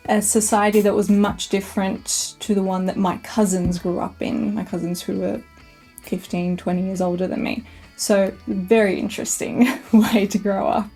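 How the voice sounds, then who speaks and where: A woman in her thirties speaks as a podcast guest in a mellow, darker voice. She tells her story in a calm, reflective way, with soft music playing under her. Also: mid-range voice. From Australia. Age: 30s. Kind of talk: podcast interview.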